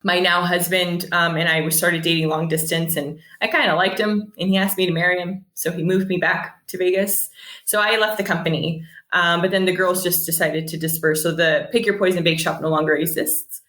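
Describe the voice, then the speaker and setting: Talking a little fast in a low-ish voice, an American bakery owner in her thirties shares casual stories on a podcast, with reverb filling the room. She hails from San Jose, California, laughs often, and brings quoted conversations to life.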